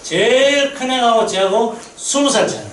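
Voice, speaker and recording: At a mission meeting in a church sanctuary, a missionary pastor with a very high-pitched voice preaches at normal speed. His lively stories and questions to the congregation echo around the room, caught from a distance in a rough recording with slight background noise.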